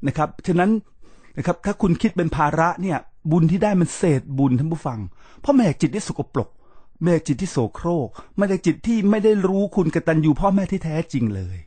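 A man's voice: sits high, expressive, fairly quick, a little mellow, slightly rough, no echo. A man hosting a podcast, telling a reflective story in an earnest, emphatic way and speaking straight to his listeners. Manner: earnest, emphatic storyteller who often addresses the listeners directly. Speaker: podcast host.

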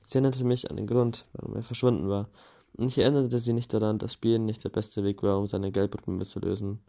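A man reading a first-person novel aloud in a plain, steady way, with small self-corrections now and then. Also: on the low side, fast, vocal fry. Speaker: audiobook reader.

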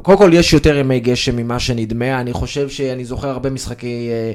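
A man's voice: medium pitch, a little mellow, clear, resonant tone. A man, a sports journalist co-hosting a casual podcast, talking in a digressive way with many fillers. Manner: conversational, digressive, with frequent fillers.

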